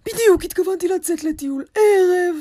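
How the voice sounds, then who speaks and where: A woman voicing a friendly, calm male lion who speaks in a soothing, chatty way. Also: very high voice, no room sound, clean studio sound, voice pushed up. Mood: kindly.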